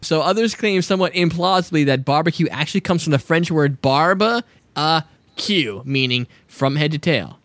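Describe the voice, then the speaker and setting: A man's voice: a little high, lively intonation, moderate pace, fairly bright tone, dry recording. Joking male podcast host reading facts. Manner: joking, reads facts aloud with asides, laughs often. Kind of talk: casual chat.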